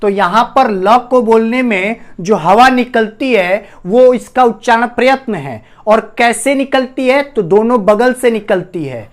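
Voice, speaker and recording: A man's voice: extremely high pitch, unhurried, few pauses. Man teaching by questions and repetition. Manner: repeats key terms and asks the class questions; addresses students as "bhaiya". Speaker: Hindi teacher. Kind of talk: classroom-style lesson on a whiteboard.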